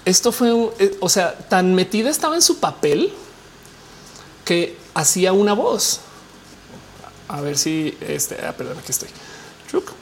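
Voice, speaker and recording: A woman with a Mexican accent and a low voice, chatting casually to her viewers in a slangy, rambling way full of fillers. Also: very animated, measured pace, long pauses, slight background noise.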